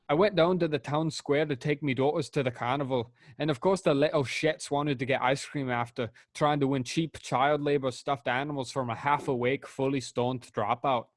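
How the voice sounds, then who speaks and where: A man's voice: on the high side, dry recording, clean studio sound, natural voice. A man putting on a furious Scottish dad. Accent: Scottish, put on. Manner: indignant, crude ranting. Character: angry Scottish father writing a ranting review. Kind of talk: comic reading aloud.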